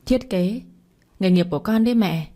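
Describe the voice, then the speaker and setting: A woman's voice: medium pitch, normal speed, mellow, natural voice. A woman voicing a cheeky young woman gamer who protests defensively to her mother, in a storybook reading. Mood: protesting.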